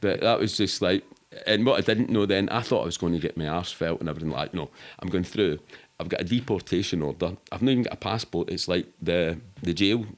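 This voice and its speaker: As a podcast guest, this middle-aged Glaswegian-accented man spins lively, casual stories, swearing freely, using colloquial speech and performing other people's lines. His voice is low-pitched and his pace fairly quick.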